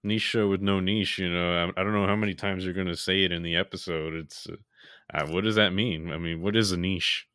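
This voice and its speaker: A laid-back man co-hosting a podcast, musing in a relaxed way. His voice is deep yet bright and forceful, with a smooth, clear tone. The sound is dry and close. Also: brisk, no echo. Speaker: podcast co-host. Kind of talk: casual podcast chat.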